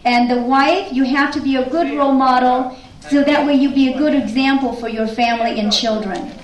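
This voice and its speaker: A woman's voice: high voice, steady tone, moderate pace, far from the mic. A woman interpreter giving a translation voice-over of a speech, recorded in a roomy space away from the microphone.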